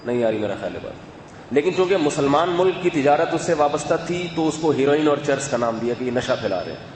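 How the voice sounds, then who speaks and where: A man giving a sermon in a calm, conversational, explanatory way, with asides to his listeners. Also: a little high. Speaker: religious scholar. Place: mosque or hall with loudspeaker system. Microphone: loudspeaker microphone. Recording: echoey hall, faint background noise.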